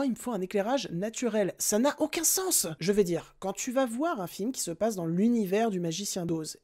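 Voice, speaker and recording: A young man talks through a film review in an easygoing podcast style. His voice is mellow and warm. He leans hard on his points and asks his listeners pointed questions. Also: sits high. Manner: animated, emphatic, talks straight to listeners. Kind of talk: casual spoken film review.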